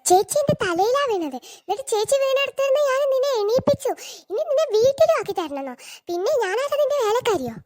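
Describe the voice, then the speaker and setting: Woman voicing cartoon girl, cheeky little sister, talks back, very high, dry. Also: very animated, fast talker, a little mellow, dry recording. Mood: sassy. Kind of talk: cartoon voice acting.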